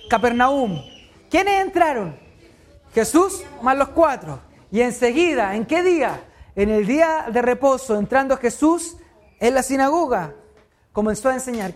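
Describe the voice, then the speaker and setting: Lady teaching bible study, highish voice, keeps asking the group stuff and answering it herself. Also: darkish tone. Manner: asks the group questions and answers them herself.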